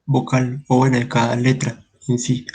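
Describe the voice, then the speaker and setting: A man's voice: medium pitch, completely flat delivery, moderate pace, a little mellow, husky. A man answering as a student in class, giving short, tentative replies.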